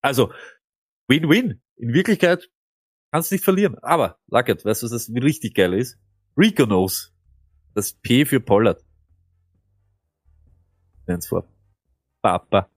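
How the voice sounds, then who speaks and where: A man's voice: mid-range voice, expressive, unhurried, long pauses, dry recording. A man co-hosting a fantasy football podcast, telling things emphatically and animatedly. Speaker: podcast co-host. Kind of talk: casual fantasy football chat.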